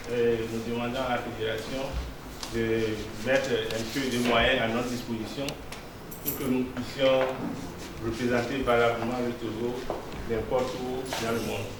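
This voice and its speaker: Man giving a flat formal speech in an echoey hall. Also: medium pitch, unhurried, distant mic, noisy background. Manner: formal, thanking officials. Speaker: referee speaking at ceremony.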